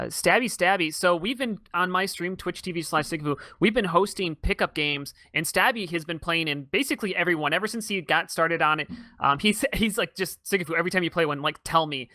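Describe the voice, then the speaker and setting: A male esports caster hosts a live match stream, talking in a chatty, enthusiastic flow and passing the mic to his co-casters. His voice is bright and a touch high, recorded close and dry with no room sound. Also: dry recording. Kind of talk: live game commentary.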